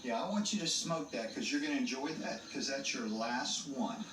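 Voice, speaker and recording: A man's voice: medium pitch, normal speed, a crowd in the background. A man talking sternly and commandingly, as a father on a reality show. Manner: commanding, admonishing. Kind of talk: stern unscripted talk. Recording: echoey, distant TV audio under music. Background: loud music.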